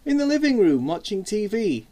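A man doing a sharp-tongued 12-year-old girl. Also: sits high, sing-song, normal speed, voice pushed up. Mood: exasperated. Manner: sharp, exasperated. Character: 12-year-old girl, quick-tempered and curious.

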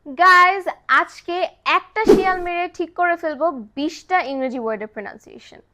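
A woman teaching English pronunciation to viewers, repeating each word slowly and mixing English phrases into her talk. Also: very high voice, lively intonation, sharp tone. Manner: slow, drawn-out repetition of each word. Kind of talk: scripted pronunciation lesson.

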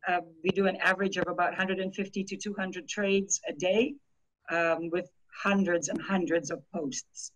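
Woman from Fiji, video-call guest, clear explainer. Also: lowish voice, steady tone, normal speed, poor audio. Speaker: guest, group founder.

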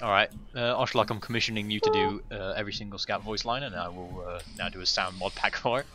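A man in his twenties chatting casually with friends while playing an online shooter, dry and quick with his comments. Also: on the low side, wildly swooping pitch. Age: 20s. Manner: quick, wry commentary on the match. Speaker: gamer. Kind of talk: casual gaming chat.

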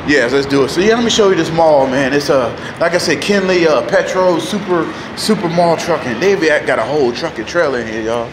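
A man from North Carolina, a truck driver casually vlogging to viewers in an animated, folksy way. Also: on the high side, fairly quick, few pauses, noisy background. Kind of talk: casual vlog talk to viewers. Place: truck stop, indoors and outdoors in the lot.

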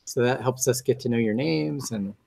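A man with a high, nasal voice, hosting a meetup in a chatty, joking way with many ums and restarts. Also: normal speed, gravelly, darkish tone. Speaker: meetup host. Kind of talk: casual talk to a group.

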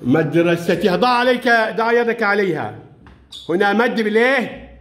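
A male teacher leading a lively classroom lesson, his voice sitting high and swinging widely in pitch. He speaks with a lilt and coaxes the children along, often laughing as he goes. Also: moderate pace. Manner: coaxing, encouraging, laughs often. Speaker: primary school teacher.

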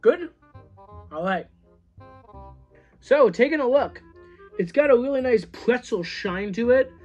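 A man's voice: extremely high pitch, lively intonation, measured pace, a little mellow, lo-fi sound. Young guy casually rating snacks at home, chatty, lots of you know, faint music behind. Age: young adult. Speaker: food reviewer. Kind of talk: casual food review vlog. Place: small room at home, seated at a table.

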